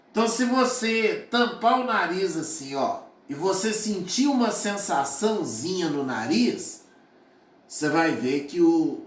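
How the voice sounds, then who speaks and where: Unhurried male teacher, lively pitch, patient and repetitive, recorded from a distance in a roomy space. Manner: patient, repeats points with frequent "né?" and "ó". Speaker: Portuguese teacher. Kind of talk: video lesson explaining phonetics. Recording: roomy and a bit distant from the mic.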